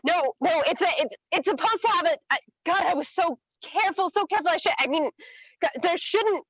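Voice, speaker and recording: A woman's voice: very high voice, brisk, a bit bright, dull audio. A woman playing a flustered, cornered liar. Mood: panicked. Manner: flustered, stammering rambles. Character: cornered, defensive young woman caught lying. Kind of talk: audio drama acting.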